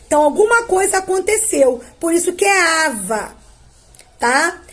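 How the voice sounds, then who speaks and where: A Brazilian woman teaching a grammar lesson to children, drawing out verb forms patiently and checking in with a quick "tá?". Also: very high voice, big pitch swings. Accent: Brazilian Portuguese. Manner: ends phrases with a checking "tá?". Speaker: primary school teacher.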